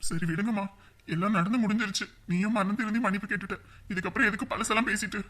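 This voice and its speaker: A man playing a calm grown son who makes peace in a family drama. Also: high-pitched, fast talker.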